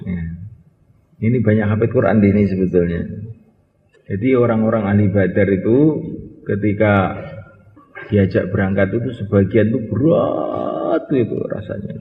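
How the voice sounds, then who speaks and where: A man's voice: fairly low pitch, creaky, slight background noise. A man giving a sermon to a gathering, telling stories and putting questions to his listeners. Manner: storytelling, asks the audience questions. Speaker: preacher. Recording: echoey hall, dull lo-fi sound.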